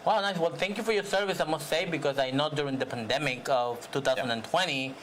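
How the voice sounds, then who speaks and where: A man hosting a TV interview, asking rambling, halting questions with many fillers. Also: a little high, a bit bright, slight background noise. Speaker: TV show host.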